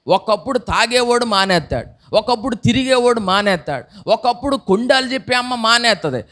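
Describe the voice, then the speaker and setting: High-voiced man preaching a lively sermon. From India. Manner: lively preaching with acted-out voices and rhetorical questions. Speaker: pastor. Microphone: microphone.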